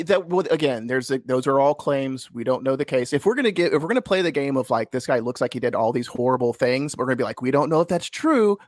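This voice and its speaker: A man's voice: medium pitch, no room sound. A man with a mid-range voice co-hosts a casual podcast. He rambles, restarts his sentences and leans hard on his points. The sound is dry and close. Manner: rambling, emphatic, frequent restarts. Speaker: podcast co-host.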